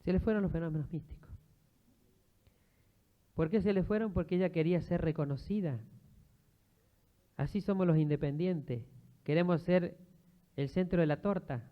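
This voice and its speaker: A man's voice: a little high, moderate pace, long pauses. A man with an Argentine accent, a priest giving a sermon-style teaching, telling stories and rising into emphatic exhortation. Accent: Argentine Spanish. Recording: muffled lo-fi recording.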